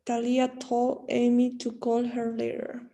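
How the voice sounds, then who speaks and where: Female student, slow careful reading, flat and somewhat high. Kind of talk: reading aloud in class.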